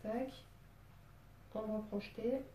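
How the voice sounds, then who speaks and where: A playful woman with a southern French, Marseille accent talks through a drawing tutorial in a loose, chatty way, with plenty of little fillers. Her voice is dark and mellow, and it sits a bit away from the mic in a roomy, echoey space. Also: on the high side, fairly even intonation, slow, distant mic, slight background noise. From Marseille, southern France. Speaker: drawing teacher.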